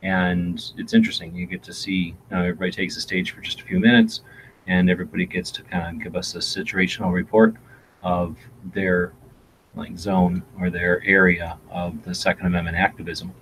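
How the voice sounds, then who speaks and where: A man's voice: sits low, level tone, brisk, a bit bright, a little hiss or hum, poor audio. A man hosting a casual live-stream chat, rambling along with many fillers and restarts. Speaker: gun channel host. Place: home in Arizona.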